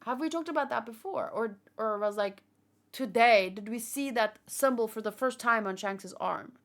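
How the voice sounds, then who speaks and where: This host's voice sits a little high and is slightly bright, with a moderate pace. Weary after streaming for hours, she chats casually and rambles aloud, theorizing about fandom topics with her live audience.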